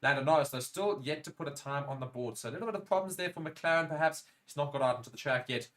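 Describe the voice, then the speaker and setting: Fast-talking male F1 watchalong commentator. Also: fairly high pitch, fairly bright tone. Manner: brisk, reads out viewer chat comments. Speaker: co-host and F1 commentator. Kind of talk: live race commentary watchalong.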